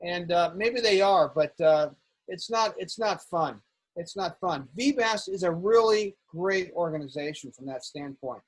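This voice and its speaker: Man, club regular, husky voice, heard over a breaking-up video call, rambling chat. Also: sits high, lively intonation, a little slow, low-quality recording. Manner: rambling, repeats words as he restarts. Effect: on a video call, audio breaking up. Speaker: astronomy club board member. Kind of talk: casual chat on a live club session.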